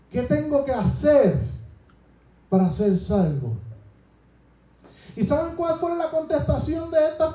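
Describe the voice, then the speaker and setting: Guy preaching a sermon, really high voice but mellow, lots of church echo. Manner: asks the congregation rhetorical questions; retells scripture as a story, acting out the lines.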